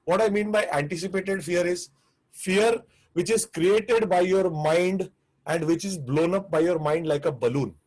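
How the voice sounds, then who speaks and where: This man's voice is high and darkish, unhurried, and captured on poor audio. With an Indian English accent, he leads a live online restaurant-business class, earnest in manner, prone to repetition and to starting phrases over.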